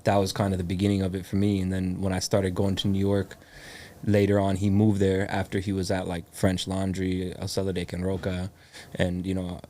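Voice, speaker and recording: Low, flat-voiced laid-back man. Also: fairly quick, slight background noise. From United States. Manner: laid-back, rambling with many fillers. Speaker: guest, coffee company founder. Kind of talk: casual podcast chat.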